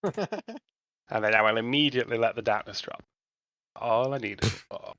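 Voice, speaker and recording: Lively, bright-voiced male player. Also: mid-range voice, moderate pace, creaky, dull audio. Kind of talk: casual tabletop play.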